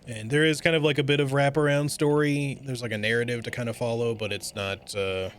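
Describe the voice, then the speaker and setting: A man's voice: mid-range voice, little pitch movement, fairly quick, soft background music. A man giving casual, rambling, hedging commentary as he streams a video game.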